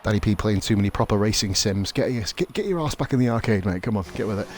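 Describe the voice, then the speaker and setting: A man's voice: fairly low pitch, animated, quick pace, slight background noise. Sweary lisping man commentating. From South West Wales. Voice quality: lisp. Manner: sweary, bantering. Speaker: race commentator, host. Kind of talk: casual livestream sports commentary.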